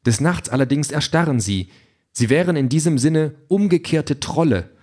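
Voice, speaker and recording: A man reading an audiobook in a dry, lively storytelling manner. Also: fairly high pitch, normal speed. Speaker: narrator.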